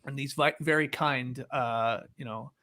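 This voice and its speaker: A man's voice: medium pitch, fairly even intonation, unhurried, sharp tone. A man hosting a podcast, reading a listener email aloud and then chatting casually with fillers. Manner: reads steadily, then chats with filler words.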